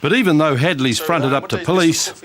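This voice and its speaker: A man's voice: a little high, brisk. A man with a New Zealand accent delivering scripted television documentary narration. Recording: crowd and street noise behind.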